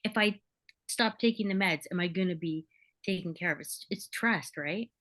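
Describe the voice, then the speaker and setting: Woman, bright tone, earnest chatty sharing on a support call. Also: fairly low pitch, normal speed. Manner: earnest, chatty, filler-heavy. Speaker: peer support group member. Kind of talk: casual spiritual sharing on a video call.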